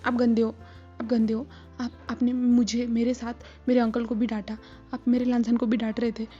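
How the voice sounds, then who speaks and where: A woman's voice: fairly high pitch, level tone, moderate pace, close to an everyday voice. A woman voicing a clingy young man who protests and pleads to stay by his uncle's side. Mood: upset, pleading. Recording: slightly dull with soft music.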